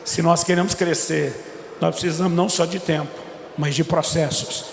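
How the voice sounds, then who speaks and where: A middle-aged Brazilian pastor preaches with emphasis, his voice riding high with a gravelly edge. He is recorded in a church hall with a long, roomy echo and a faint murmur of ambience behind him. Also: steady tone, normal speed, a little hiss or hum. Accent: Brazilian Portuguese. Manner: emphatic storyteller, voice rising into shouts. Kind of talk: sermon with retold dialogue. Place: church hall before a congregation.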